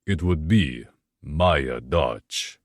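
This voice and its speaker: A man voicing an older Russian crime boss father with a Russian accent, speaking slowly in an audiobook. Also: very deep voice, no echo, studio quality, heavily acted. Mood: wry.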